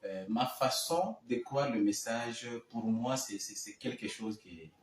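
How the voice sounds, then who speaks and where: A man's voice: mid-range voice, a little slow, roomy sound, recorded from a distance, rough recording. A man from the Democratic Republic of the Congo, a guest musician, answering hesitantly and repeating words as he searches. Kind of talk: studio interview.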